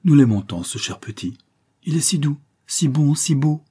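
A man voicing an old devoted manservant who speaks in a warm, heartfelt way, with a husky voice. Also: a little high, lively intonation, normal speed, voice pushed up.

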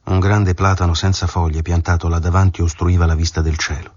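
Male narrator, calm measured literary reading, deep husky voice, dull dry studio sound. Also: no room sound. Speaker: audiobook narrator.

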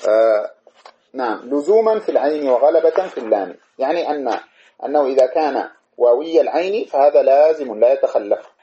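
A man giving a classical grammar lesson in a mid-pitched voice. He works through each point step by step, repeating and correcting himself as he goes. The recording is dull and lo-fi. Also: lively intonation, brisk, mellow, slight background noise. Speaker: teacher. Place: study room with camera.

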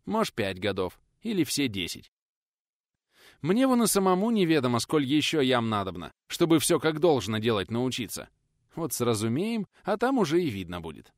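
A man voicing an older retired male schoolteacher, stubborn and quick to fly into a shouting rage. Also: big pitch swings, no room sound, clean studio sound. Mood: calm. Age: 60s. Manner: shouting indignantly, high and strained.

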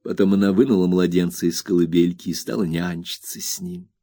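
A man narrating an audiobook in an expressive storytelling manner. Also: sits low, fairly quick. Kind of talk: scripted narration.

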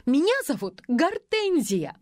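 A woman's voice: a little high, lively intonation, unhurried, darkish tone, no echo, studio quality. A woman voicing a touchy young female costume assistant who keeps correcting her own name. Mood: indignant.

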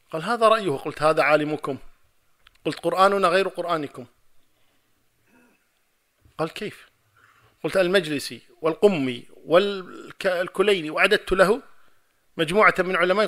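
Fast, high-voiced, emphatic male lecturer. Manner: emphatic, retells a debate in dialogue and builds to forceful repeated points. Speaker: Islamic scholar giving a lecture. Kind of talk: religious lecture with questions and answers.

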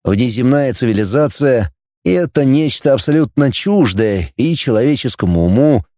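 Man, audiobook narration, lively pitch, dry booth. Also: normal speed, no echo. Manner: expressive, lively reading. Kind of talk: scripted narration.

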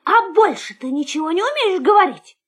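Lady doing a little puppy, high squeaky storybook pup, eager, gets weepy when scared. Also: sing-song, a little fast. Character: small curious young male puppy.

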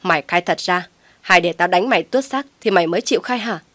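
A woman voicing an enraged middle-aged mother who shouts and scolds harshly, in a dry, close recording. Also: on the low side, fairly quick, no echo, lightly acted. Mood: furious.

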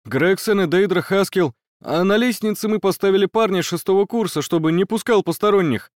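A man's voice: high-pitched, brisk, no echo, studio quality, pitched above the performer's own voice, lightly acted. A man doing a frightened breathless schoolboy. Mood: agitated. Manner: agitated, gasping.

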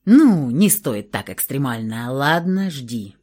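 A woman's voice: extremely low pitch, very animated, takes it slowly, darkish tone, slightly rough, voice pushed down, full character voice. A woman voicing a dry, sardonic young man, a protective brother who grumbles and teases, in an audiobook reading. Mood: wry. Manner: wry, grumbling.

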